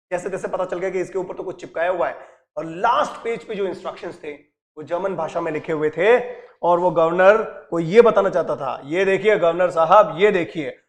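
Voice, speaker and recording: High-voiced man teaching a story lesson. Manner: animated, acts out characters' lines; switches between reading English text and explaining. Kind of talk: explaining an English story lesson.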